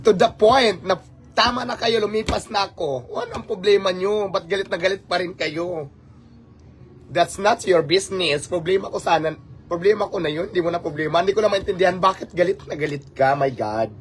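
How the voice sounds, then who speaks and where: A man hosts a casual livestream, his voice a little higher than most men's. He talks in a lively, rhetorical way, firing questions at his audience and slipping into English. Faint ambient noise sits under his voice. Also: fairly quick. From Philippines. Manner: animated, rhetorical, mixing in English. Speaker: livestream host.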